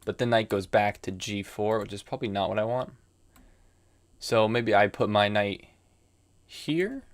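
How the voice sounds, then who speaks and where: A young American man in his early twenties streams chess, speaking a little slowly in a lowish voice. He thinks aloud about his moves and answers chat in a casual, musing way as live commentary while he plays.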